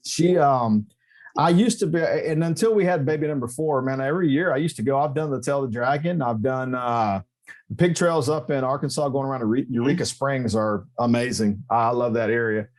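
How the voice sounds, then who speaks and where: A man, a podcast guest chatting casually, joking and telling stories with emphatic rises in pitch. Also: a little fast. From Texas. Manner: animated, joking storyteller with emphatic pitch jumps. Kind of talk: casual interview chat.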